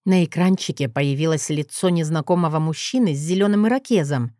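A woman narrating a first-person fantasy audiobook in an even, measured reading. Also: low-pitched, no room sound, clean studio sound.

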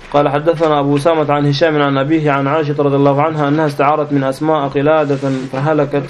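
A man with a Sudanese Arabic accent reading hadith aloud to his teacher in a quick, level recitation, sometimes restarting a word. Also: a little high, slight background noise. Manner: fast, even reading with small restarts.

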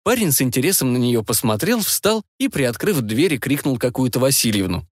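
A man narrating a comic fairy tale audiobook in an expressive, wry manner. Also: mid-range voice, normal speed.

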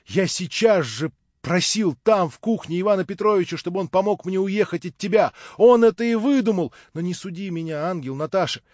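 A gushing, impulsive young man, talking high and loud with excited outbursts, as a male reader does the part. The recording is dull and dry. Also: brisk, no room sound. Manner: gushing, effusive.

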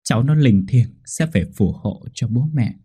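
A man voicing a calm, gentle old fortune-teller who speaks in a measured way. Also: mid-range voice, slightly rough. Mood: solemn.

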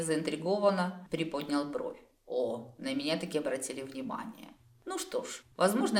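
A woman reading a first-person fantasy audiobook aloud in a wry, expressive way, recorded at home. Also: lowish voice, reverberant. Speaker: audiobook reader.

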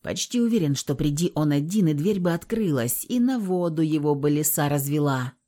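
A woman narrating an audiobook in a lively, expressive storytelling manner. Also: deep voice, normal speed.

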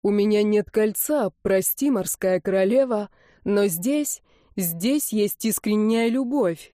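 Woman reading a drunk young man proposing, tender, earnest, slow, dry close sound. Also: medium pitch, dark tone, dry recording, close to an everyday voice.

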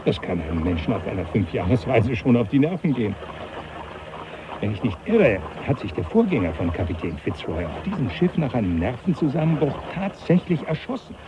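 A man acting in a German radio drama as a jovial, teasing older professor, animated and patronising in an avuncular way. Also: mid-range voice, a little fast, close to an everyday voice. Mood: jovial, explaining. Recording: dull radio drama, loud background noise.

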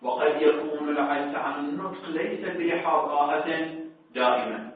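A man's voice: a little high, fairly even intonation, normal speed. A man teaching a seminary lecture on religious law, questioning his students and repeating words for emphasis. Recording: distant, echoey, phone-like.

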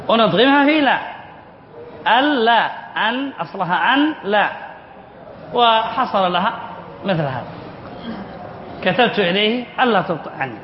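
High-voiced sheikh teaching spelling, roomy recording. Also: male voice. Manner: asks the class questions and answers them himself, repeats examples. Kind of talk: classroom lesson reading and explaining a text. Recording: muffled roomy lecture recording with faint hiss.

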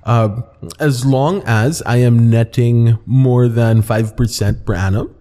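A man's voice: mid-range voice, takes it slowly, mellow. A man hosting a casual group chat on a podcast. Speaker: podcast host. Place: co-working space, indoors.

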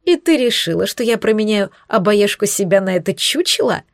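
A woman voicing a scornful, smug young female witch who mocks and threatens in slow, hissing tones, recorded dry and close. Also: mid-range voice, animated, no echo, lightly acted. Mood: sneering. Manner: mocking, hissing, drawn-out threats.

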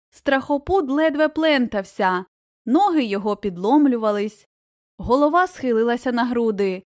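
A woman giving a gentle, expressive scripted reading of a children's tale. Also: a little high, dry recording, clean studio sound. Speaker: audiobook narrator.

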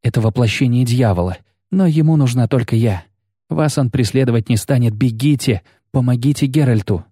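A man's voice: medium pitch, brisk, dark tone, slightly rough, dry recording, studio quality, lightly acted. A man voicing a defiant young woman warrior on the run. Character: young female fugitive warrior, defiant and quick.

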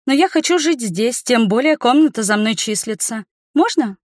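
A cheeky young sorceress bursts in, high and quick, bossing everyone about, as a woman reader puts her on. Her voice sits raised above a plain reading tone, bright and pushy. The recording is dry and close, a storybook read aloud. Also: animated, no room sound, close to an everyday voice. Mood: bubbly, pushy. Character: brisk cheeky young woman student, an air mage.

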